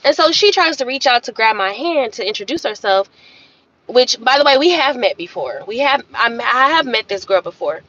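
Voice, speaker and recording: A high-voiced woman hosts a livestream, telling a story with sass and calling her viewers y'all. Her pitch swings widely as she talks. The audio sounds a little dull and lo-fi. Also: moderate pace, a little hiss or hum. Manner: animated, sassy, addresses viewers as y'all. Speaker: livestream host. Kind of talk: casual storytelling chat.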